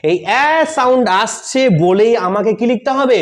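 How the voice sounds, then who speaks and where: High-voiced man teaching grammar. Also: normal speed. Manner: asks rhetorical questions and answers them himself; repeats key points, checks with "Am I clear? Yes or no?". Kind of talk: classroom-style grammar lesson.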